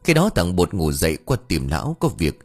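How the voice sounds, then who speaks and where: Lively, husky male ghost-story narrator. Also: sits low, fairly quick, faint music behind.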